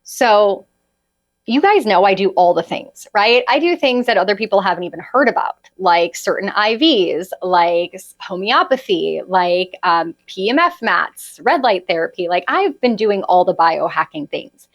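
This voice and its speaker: A woman in her late thirties talks through a solo podcast episode in a chatty, confiding tone. Her voice swoops up and down with animated, lively intonation. She keeps pulling her listeners in with little "right?" asides. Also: medium pitch, a little slow, dull audio. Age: 30s. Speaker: podcast host and holistic health coach.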